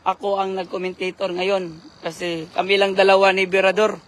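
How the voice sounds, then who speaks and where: A hoarse man doing casual live-stream commentary on a night fishing trip, giving shout-outs and spelling names for viewers. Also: high voice, flat delivery, normal speed. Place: outdoors at night by the water.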